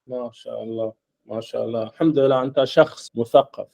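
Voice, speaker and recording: A man interviewing a guest, asking short, simple questions slowly. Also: mid-range voice, fairly even intonation, gravelly, mellow. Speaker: interviewer, channel host. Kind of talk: interview in formal Arabic.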